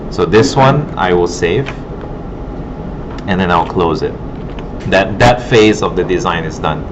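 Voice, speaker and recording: An art instructor gives a casual classroom demo, thinking aloud informally as he works. His low voice is expressive and unhurried. The classroom audio is muffled, noisy, and broken up.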